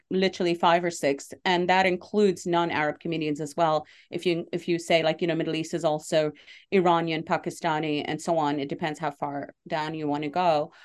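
A middle-aged woman from Lebanon, a comedian, answering interview questions in an earnest, chatty way with many fillers and easy laughs. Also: on the low side. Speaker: comedian and show producer.

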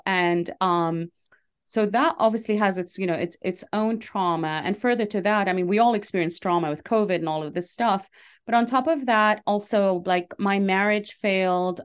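A woman's voice: medium pitch, clean tone. Chatty middle-aged woman from Lebanon. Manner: chatty, earnest, laughs easily, many fillers. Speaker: comedian and show producer. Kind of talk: casual interview answers.

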